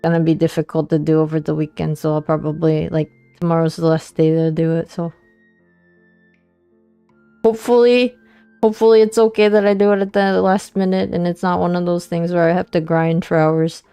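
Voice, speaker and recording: A woman streamer talks casually and informally to her viewers. Her voice sits on the low side and is notably smooth and clear. The sound is dry and close, with very little room in it. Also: flat delivery, a little slow, warm tone, dry recording, soft background music. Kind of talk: casual livestream chat, signing off to viewers.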